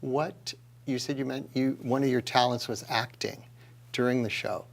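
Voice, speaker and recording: A man's voice: mid-range voice, fairly even intonation, normal speed, vocal fry. A man hosting a live talk show, joking with the guest and the studio audience.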